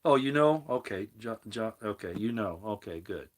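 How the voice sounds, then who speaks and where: A man with a fairly low voice and lively intonation hosts a casual livestream about scripture at a moderate pace. He reads out chat comments and answers them loosely, frequently breaking off to restart.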